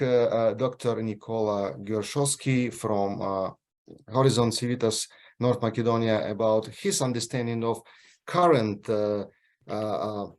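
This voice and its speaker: A man from Ukraine, moderating an online panel over a video call, halting often with filler sounds and restarts. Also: on the low side, a little mellow.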